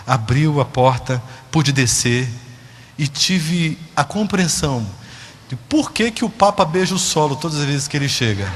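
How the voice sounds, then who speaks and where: A man preaching a sermon, dramatic, moving between hushed and emphatic. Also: a little high, expressive, unhurried, in a large hall, a little hiss or hum.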